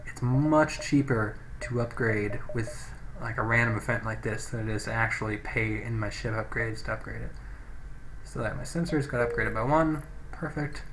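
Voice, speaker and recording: Recorded on a cheap microphone with slight background noise, a man with a mid-range, somewhat bright voice hosts a let's play. He chats casually, thinking aloud and reading game text as he goes.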